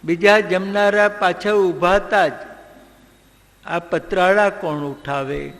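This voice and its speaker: A male religious storyteller with a high, gravelly voice who takes his time over every phrase. He tells a devotional tale and slips into song. A long reverb hangs behind him. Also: steady tone, a bit bright. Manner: slow and measured, breaking into song. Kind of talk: devotional storytelling with sung passages.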